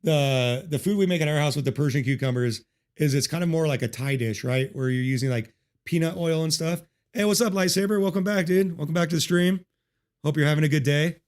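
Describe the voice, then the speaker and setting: A man's voice: a little high, brisk. A man chatting casually with his livestream chat while playing a game, joking and swearing a lot, speaking into a desk mic. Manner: profane, joking, greets chat. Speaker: livestream gamer. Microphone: desk mic with noise removal.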